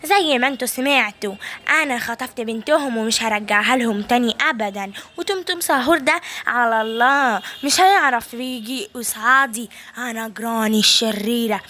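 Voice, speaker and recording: A woman with an Egyptian accent voicing an evil, scheming old granny in a toy play-acting video, speaking in a gruff, lowered voice with a bossy, threatening manner. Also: fairly quick, sharp tone. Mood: gloating.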